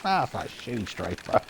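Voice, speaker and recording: A young man with a Boston accent streams a fishing game, chatting casually, laughing often and getting excited at every good catch. His mid-range voice is gravelly, and there's noise in the background.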